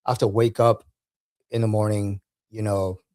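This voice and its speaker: A man, an Army veteran guest, talking casually in an interview, halting and repeating words, laughing as he tells stories. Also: on the low side, level tone, darkish tone.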